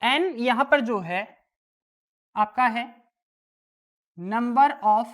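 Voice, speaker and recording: A woman's voice: fairly high pitch, drawn-out words. A woman teaching a chemistry lesson, asking the class questions and answering them herself. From India. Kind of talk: classroom lesson explaining worked exam problems.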